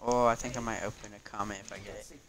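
A man giving excitable live gameplay commentary, often laughing and yelping as he plays. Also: lowish voice, fast talker, a little hiss or hum. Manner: excitable, yelps and laughs while playing. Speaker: gaming YouTuber.

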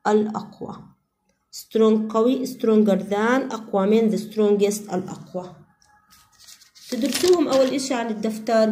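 Warm-voiced Levantine woman drilling English grammar. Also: mid-range voice. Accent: Levantine Arabic. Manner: slow, drilling repetition, each English word followed by its Arabic meaning. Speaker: English teacher and mother. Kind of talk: home-made English grammar lesson.

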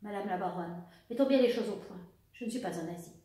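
A woman doing a calm, low-voiced officer. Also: close to an everyday voice. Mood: earnest. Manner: low, measured and restrained. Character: Norwegian officer, a man, tall, calm and controlled. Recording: echoey room, voice far from the mic.

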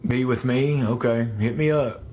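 Speaking straight to his livestream audience from a small room, a man of 38 keeps the chat casual, with the phone held close as his mic. His voice is medium in pitch, steady and a little mellow, at a moderate pace, though he still hesitates and repeats himself. Slight background noise can be heard.

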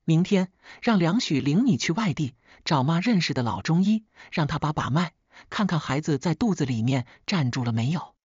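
A woman's voice: sits low, expressive, moderate pace, a little mellow, husky, dry recording, lo-fi sound. A woman voicing a bossy, scolding old mother-in-law. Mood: fussing. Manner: harsh, bossy.

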